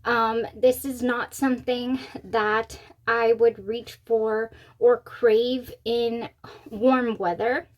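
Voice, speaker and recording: Giddy, higher-voiced woman, mouth swollen after wisdom teeth. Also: takes it slowly, rough recording. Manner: giddy, excited, gushing. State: recovering from wisdom teeth removal, mouth swollen on one side. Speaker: fragrance review channel host. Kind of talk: casual chatty product review to camera.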